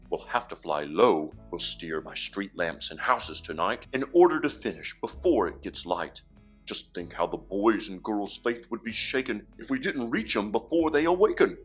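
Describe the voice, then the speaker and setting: A man's voice: on the low side, husky. A man voicing a worried, commanding old Santa figure in a storybook, speaking emphatically. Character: worried, commanding old Santa Claus rallying his reindeer.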